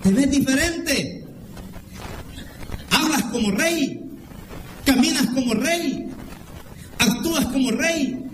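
A man preaching voices Saul's astonished older uncle, asking slow, marveling, insistent questions over steady background noise. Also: very high voice, roomy sound, voice pushed up, full character voice. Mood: amazed.

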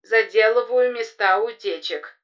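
A woman voicing a male repair robot that answers in a flat, monotonous, deep-toned voice. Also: a little slow, highs cut off, natural voice.

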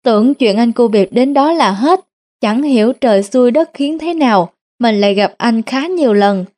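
A woman reading a first-person story aloud in a steady, plain narrating tone. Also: a little high, normal speed.

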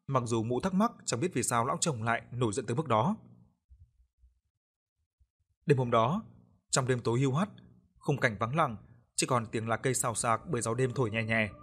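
A man in scripted ghost-story narration, measured and atmospheric. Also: mid-range voice, fairly bright tone, breathy edge.

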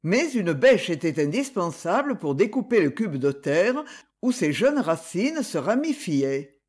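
Expressive audiobook narrator, lively pitch. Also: unhurried, breathy edge. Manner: expressive literary reading. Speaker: audiobook reader. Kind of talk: scripted narration of a classic novel.

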